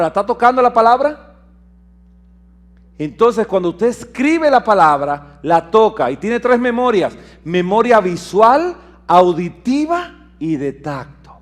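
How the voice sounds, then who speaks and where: A man preaching a sermon, reading scripture aloud and putting questions to his congregation, swinging between loud declaiming and soft low asides.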